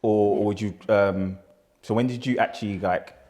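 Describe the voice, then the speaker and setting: A man's voice: fairly low pitch, steady tone, moderate pace, darkish tone. A young man hosting a podcast interview, laid-back and slangy, laughing easily as he asks questions. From Ghanaian heritage. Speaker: podcast host.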